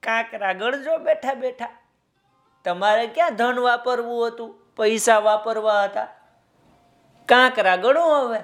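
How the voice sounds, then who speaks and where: A man's voice: high-pitched, slow pace, pushed and bright, clean tone, faint music behind, exaggerated voice. A man voicing a mischievous male neighbor who mockingly teases a miser, in a children's story. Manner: mocking, teasing.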